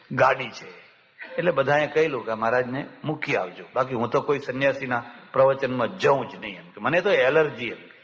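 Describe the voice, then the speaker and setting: A man with a Gujarati accent, a swami giving a spiritual discourse, telling lively stories and acting out the villagers he talks with. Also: mid-range voice, a little hiss or hum. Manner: animated storyteller who acts out the villagers in dialogue. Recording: dull, lo-fi, with long hall reverb.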